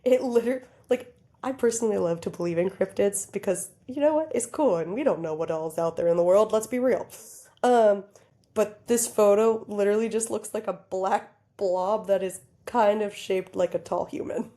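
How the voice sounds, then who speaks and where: A woman co-hosting a podcast, telling a story in casual chat, giggly and animated, talking straight to her listeners. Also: medium pitch, moderate pace. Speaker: podcast co-host.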